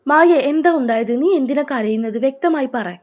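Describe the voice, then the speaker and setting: A resolute young man in a storybook tale, calm on the surface with anger held down, as a woman narrator plays him. His speech is firm and steady, fairly high. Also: brisk, close to an everyday voice. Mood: concerned.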